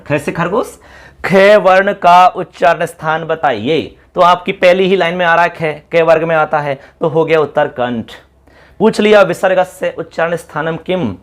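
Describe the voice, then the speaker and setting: Lively male teacher quizzing students. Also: a little high. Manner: lively, repeats call-and-response questions to students. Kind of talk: classroom lesson.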